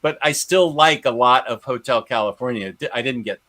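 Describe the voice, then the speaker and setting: A man's voice: medium pitch, fairly quick, pushed and bright. A man co-hosting a casual chat show, reading out listener comments with playful banter.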